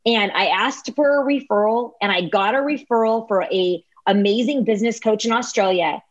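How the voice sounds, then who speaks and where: Animated woman in her forties, muffled sound. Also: medium pitch, normal speed. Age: 40s. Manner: animated storyteller, repeats phrases for emphasis. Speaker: business owner. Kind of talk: casual conversation, personal story.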